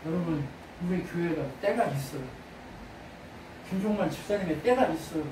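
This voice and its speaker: A pastor preaching a sermon, firing questions at the congregation and bursting into loud exhortations. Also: mid-range voice, animated, moderate pace, background noise. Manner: fires rhetorical questions at the congregation. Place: church sanctuary. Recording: roomy distant mic.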